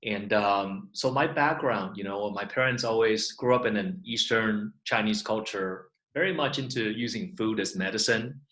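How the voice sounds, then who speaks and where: A man's voice: fairly low pitch, moderate pace, few pauses, a bit bright, roomy sound, low-quality recording. A middle-aged man from Taiwan, a chiropractor, explaining his work in a casual online Q&A and filling his talk with "you know". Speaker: guest chiropractor. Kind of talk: online Q&A interview.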